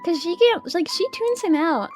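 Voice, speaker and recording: Young female VTuber, casual stream chat, excitable, laughs a lot, swears, lively pitch swings. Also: moderate pace, soft background music. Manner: excitable and giggly, swears freely.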